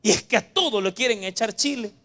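A male pastor delivers a lively Sunday sermon. His voice sits high for a man, and he keeps turning to the congregation as brothers and sisters. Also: fairly quick. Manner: animated, addresses listeners as brothers.

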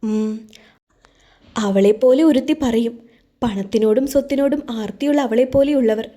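A woman's voice: on the high side, normal speed, mellow, lightly acted. A woman voicing a caring middle-aged mother who comforts her daughter-in-law with earnest, soothing pleading in an audio story. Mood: tender, firm.

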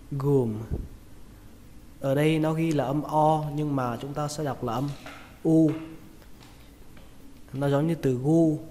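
A man's voice: fairly high pitch, dark tone. Vietnamese guy teaching english words, says each one over and over, echoey room w faint hiss. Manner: repeats each word slowly, stressing syllables. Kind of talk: pronunciation lesson. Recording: reverberant room with faint noise.

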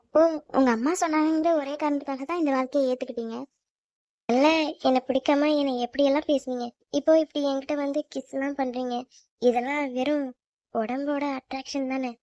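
A woman's voice: steady tone, warm tone, no room sound, lo-fi sound, natural voice. A woman voicing a fretful young wife. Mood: earnest. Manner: high, quick, fretful self-talk. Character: anxious young newlywed wife, fretful and pleading.

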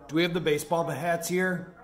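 Speaking fairly quickly in a somewhat high voice with fairly even intonation, a forties-aged vlogger talks casually about his day at home. He runs an online resale business and films in his home office with bookshelves.

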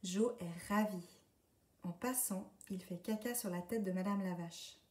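Casting: woman storyteller reading a picture book aloud, calm and gentle, mellow voice, echoey room. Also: medium pitch, measured pace. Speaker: library storyteller. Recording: echoey room, distant mic.

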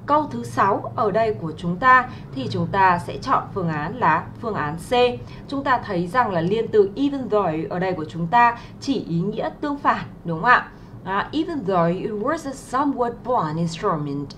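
A woman's voice: medium pitch, expressive, moderate pace, hardly any pauses, a bit bright, slight background noise. A young woman teaching English to exam students on a livestream, speaking politely and patiently with many filler sounds and friendly tag questions, reading English words with a Vietnamese accent.

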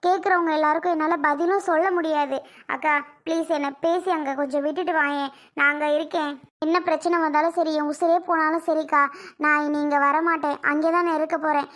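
A woman's voice: sits high, fairly even intonation, a little fast, fairly bright tone. A woman playing an anxious young mother who insistently pleads to go back to her child, in an amateur family drama skit. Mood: pleading.

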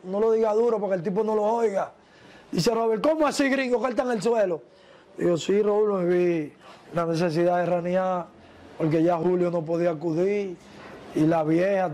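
A man, an interview guest telling a long story and acting out the voices of the people in it. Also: high-pitched. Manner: animated storyteller, acts out quoted voices.

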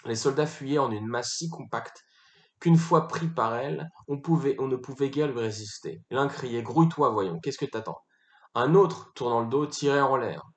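A man's voice: medium pitch, moderate pace. Man reading a novel aloud, roomy. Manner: narrates with rising intensity in battle scenes, occasional slips and restarts. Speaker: reader. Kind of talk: dramatic literary reading. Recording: roomy echo.

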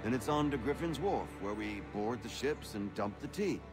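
A man's voice: mid-range voice, lively intonation, close to an everyday voice. A man voicing a confident revolutionary organizer. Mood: rallying. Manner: brisk, upbeat, persuasive. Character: confident male revolutionary organizer, middle-aged. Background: game music.

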